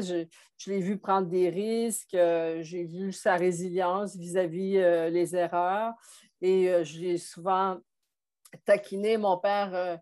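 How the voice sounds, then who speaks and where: Podcast guest: Québécois woman, sixties, measured and thoughtful, pauses often. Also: mid-range voice, darkish tone. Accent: Québécois French. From Montreal, Quebec. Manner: thoughtful, frequent hesitations. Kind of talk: conversational interview.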